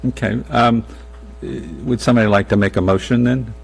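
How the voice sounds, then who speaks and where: A man chairing a public meeting in formal procedural language, with a halting delivery. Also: mid-range voice, fairly even intonation, vocal fry, husky. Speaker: commission chair. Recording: faint hum and noise.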